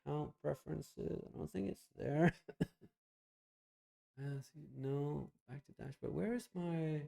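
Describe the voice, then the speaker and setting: A man's voice: a little high, slow, vocal fry, mellow. Blunt, swearing man chatting on stream. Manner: blunt and profane, thinking aloud while clicking around. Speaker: live streamer. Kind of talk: casual live stream chat.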